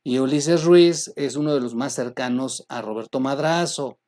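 A Mexican man hosts a political commentary show, talking to the viewer directly in an easy, conversational way. His voice sits at an ordinary middle pitch. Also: moderate pace, darkish tone.

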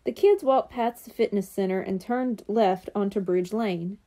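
An audiobook reader, a woman with a medium-pitched voice, reads a children's storybook aloud in an unhurried yet expressive, animated way, acting out the dialogue.

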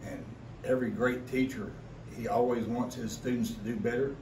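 A folksy man with an Appalachian accent from West Virginia co-hosts a casual podcast. He rambles along at a middling pitch. The mic is distant, with room echo and faint noise behind him. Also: steady tone, moderate pace. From West Virginia, United States. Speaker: podcast co-host. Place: echoey room, away from the mic.

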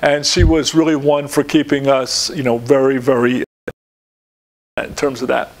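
A man in his sixties gives a coaching clinic talk in a dim lecture room before a projected slide, rambling with many fillers and restarts and gesturing at the slides. His mid-range voice moves little in pitch at a normal speed. The recording is rough.

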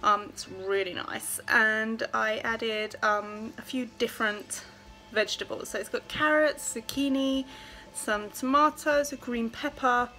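A woman's voice: a little high, steady tone, a little slow, sharp tone, faint music behind, rough recording. A woman in her thirties chatting casually to a phone camera in her home kitchen, friendly and full of fillers. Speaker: home cooking vlogger. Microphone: phone held at arm's length.

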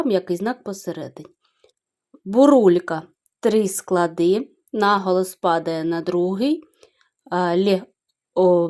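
A middle-aged woman teaching young children in a video lesson, explaining slowly and carefully, syllable by syllable. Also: on the low side, dark tone. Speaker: primary school teacher.

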